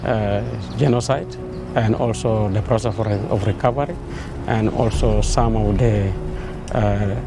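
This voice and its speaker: A man from South Sudan, a youth delegate, speaking in a measured, hesitant way in an interview. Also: fairly low pitch, steady tone, noisy background. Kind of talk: interview testimony. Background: music.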